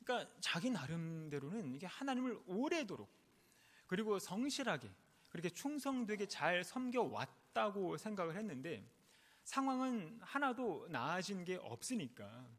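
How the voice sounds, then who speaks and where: Korean pastor preaching in a reverberant hall. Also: male voice, high-pitched, fairly bright tone. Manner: earnest storytelling with emphatic rising stresses. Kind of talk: sermon. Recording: long reverb of a large hall.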